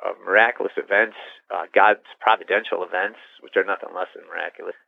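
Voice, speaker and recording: A middle-aged priest recounts his story in a low, gravelly voice that rises and falls widely. He rambles, restarts his sentences and chuckles as he goes. The sound is thin and tinny, like a dry phone line. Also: dry recording. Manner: rambling, animated, with restarts and laughs. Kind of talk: interview storytelling.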